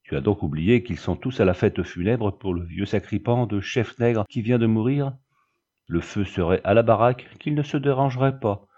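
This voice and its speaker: A man's voice: on the low side, moderate pace, dark tone, dull audio, natural voice. A man voicing a haggard, bitter young man who talks back with defiance and mockery. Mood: defiant. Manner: defiant, mocking.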